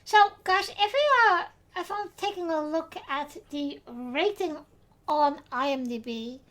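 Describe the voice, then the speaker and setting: Speaking at a measured pace, a woman with a high, fairly bright voice and a Dutch accent hosts a casual podcast. A native Dutch speaker, she talks hesitantly, with lots of filler sounds.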